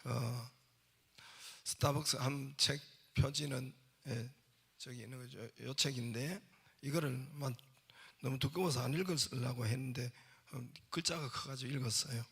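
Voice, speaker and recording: A man's voice: medium pitch, moderate pace, gravelly, a bit bright, slightly rough. A man preaching a sermon as pastor, telling jokes and asking his congregation questions. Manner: jokey storytelling, asks the congregation questions. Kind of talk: sermon with humorous anecdotes. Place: church sanctuary.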